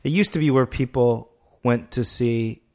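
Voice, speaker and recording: A man co-hosting a podcast in casual chat, rambling with lots of fillers and halting restarts. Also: mid-range voice, a little mellow. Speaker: podcast co-host.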